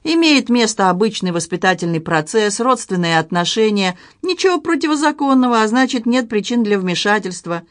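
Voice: medium pitch, expressive, fairly quick, hardly any pauses, a bit bright, pitched above the performer's own voice, close to an everyday voice. A narrator voicing a stern, unflappable male police captain who talks bluntly, read in an audiobook. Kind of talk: audiobook character reading.

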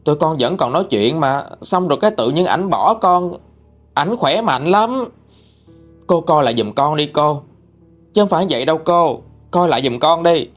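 A man's voice: medium pitch, normal speed, pauses often, soft background music, close to an everyday voice. A man voicing a distraught young woman who pleads insistently. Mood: pleading.

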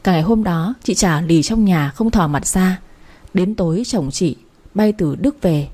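Mellow, husky woman narrating a story. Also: on the low side, measured pace. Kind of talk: first-person story narration.

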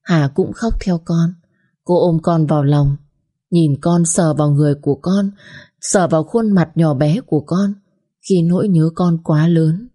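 Low-voiced woman narrating a sad story. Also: fairly even intonation, dark tone. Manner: sorrowful, measured.

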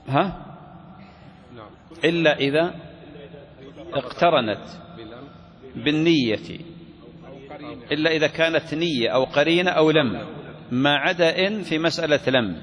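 A man explaining a classical religious text step by step, asking questions and answering them himself. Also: on the high side. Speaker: sheikh teaching a fiqh text. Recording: dull recording in a reverberant hall with faint noise.

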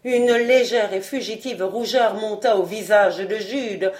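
A woman's voice: medium pitch, measured pace. Woman reading a classic novel aloud. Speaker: audiobook reader. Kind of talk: scripted narration.

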